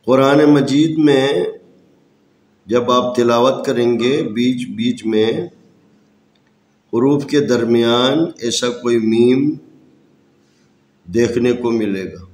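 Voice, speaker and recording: Speaking at a medium pitch with a slightly mellow tone, a Pakistani Urdu-accented man leads a slow lesson in reading the Quran, naming letters and vowel marks one by one. The recording has a roomy sound.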